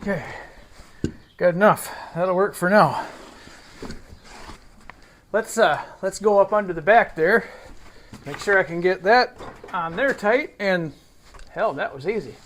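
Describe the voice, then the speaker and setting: A man's voice: sits high, measured pace, pauses often, fairly bright tone, slight background noise. A man narrating casually to his viewers while he works on a tractor in his barn, in a folksy, easygoing way. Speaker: DIY tractor mechanic.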